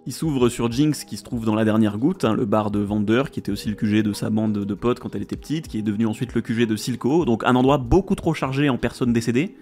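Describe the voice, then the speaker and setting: A man's voice: mid-range voice, darkish tone. A man giving casual, analytical video commentary in an informal, slangy, opinionated way. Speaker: video essayist.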